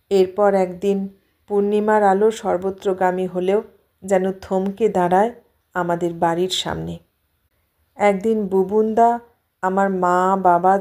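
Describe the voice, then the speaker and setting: A woman with a medium-pitched, dark-toned voice narrates a literary story. Her reading is dramatic and emotional, like an audiobook performance.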